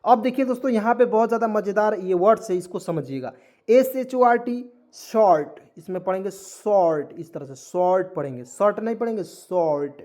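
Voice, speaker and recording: A man's voice: high voice, animated, normal speed, darkish tone. A man teaching English spelling and pronunciation in an online lesson, often asking a question and answering it himself as he addresses the viewers as friends. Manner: explains word by word, repeatedly asks and answers himself.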